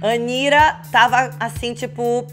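A woman's voice: fairly high pitch, steady tone, unhurried, faint music behind. A woman in her thirties from Brazil, chatting casually to camera and telling stories about her friends. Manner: chatty, acts out quoted dialogue. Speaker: vlogger.

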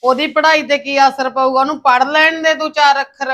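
A woman's voice: high voice, steady tone, brisk, fairly bright tone. A woman with a Punjabi accent playing a fed-up wife and mother who scolds her drinking husband. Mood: scolding. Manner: scolding, nagging, bitter.

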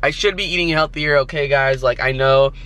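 A man's voice: mid-range voice, brisk, sharp tone, low-quality recording. A man in his twenties chatting casually and nervously to a handheld camera, slangy and half talking to himself. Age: 20s. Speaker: vlogger. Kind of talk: casual vlog chat to camera. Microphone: handheld camera at arm's length.

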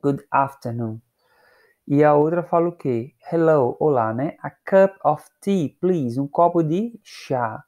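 A man's voice: on the high side, darkish tone. A man with a Brazilian Portuguese accent teaching English in a recorded lesson, patiently explaining phrases and checking in with his students. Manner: slows down to model English phrases.

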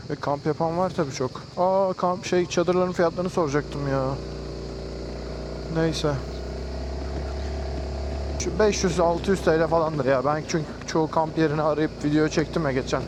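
Higher-pitched man vlogging outdoors, very noisy. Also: fairly even intonation, normal speed, long pauses. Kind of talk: casual travel vlog chat. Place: outdoors at a busy valley picnic spot. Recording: loud outdoor nature and vehicle noise.

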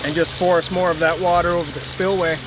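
A man's voice: high voice, little pitch movement, fairly quick, background noise. A man giving a plain, practical walkthrough outdoors by a backyard stream, thinking aloud while filming on a handheld phone. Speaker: water feature installer. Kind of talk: walkthrough narration while inspecting. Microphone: handheld phone camera.

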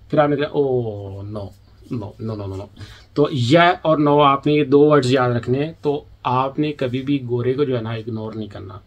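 A man from Pakistan, an international student in the UK, giving chatty advice in a casual vlog and acting out little exchanges as he talks. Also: mid-range voice. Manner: chatty, acts out quoted exchanges.

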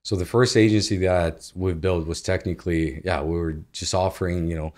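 Low-voiced Ukrainian-born man, relaxed guest. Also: normal speed. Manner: easygoing, laughs often, loose phrasing. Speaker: guest, agency founder. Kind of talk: casual interview. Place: home living room. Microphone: studio mic on boom arm.

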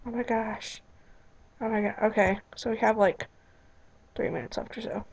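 A woman's voice: mid-range voice, fairly even intonation, normal speed, gravelly, low-quality recording. A young woman casually commenting on her gameplay, rambling with exclamations and muttered asides at her computer mic. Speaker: let's play host.

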